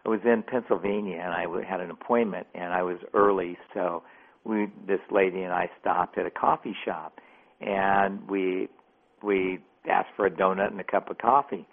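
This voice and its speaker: A man calling in as a radio guest, an animated, casual storyteller. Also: sits low, moderate pace. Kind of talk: phone-in interview storytelling. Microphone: telephone. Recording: tinny phone line.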